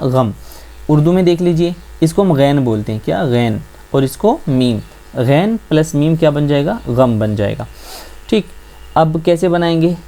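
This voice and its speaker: A man teaching the Urdu script as a patient teacher, asking his listeners questions and answering them himself, repeating each point slowly. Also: fairly high pitch, warm tone. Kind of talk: classroom-style script lesson.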